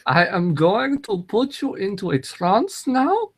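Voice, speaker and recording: Creepy male German hypnotist, drawled slow and pitched up, as a podcaster puts him on. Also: sing-song, full character voice. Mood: mock-hypnotic. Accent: put-on German. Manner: slow, drawn-out, mock-soothing.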